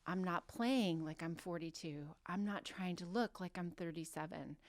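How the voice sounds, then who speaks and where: Woman, forties, health coach, earnest, animated, lowish voice, dry close sound. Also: normal speed, dry recording. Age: 40s. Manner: earnest, animated and self-assured. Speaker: guest, health coach and author. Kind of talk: casual podcast interview.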